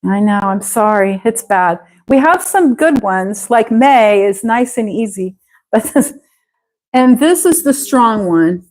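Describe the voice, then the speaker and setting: A woman with an Ohio accent teaching an English pronunciation class, slowly repeating words for her students to say after her. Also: a little high, animated, darkish tone. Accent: Ohio American English. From Ohio, USA. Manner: slow, patient, repeats words for students to echo. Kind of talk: live online English pronunciation lesson.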